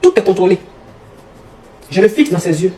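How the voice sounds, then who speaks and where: A woman's voice: mid-range voice, lively intonation, moderate pace, dark tone. A woman, a relationship coach telling a personal story to viewers and acting out both sides of the dialogue. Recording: echoey room with faint noise.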